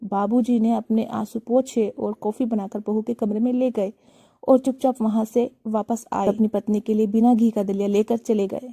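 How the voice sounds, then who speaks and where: Woman, storyteller, very dark mellow voice, dry close sound, fairly high pitch. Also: fairly even intonation, normal speed, no room sound. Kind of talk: scripted narration of a family moral story.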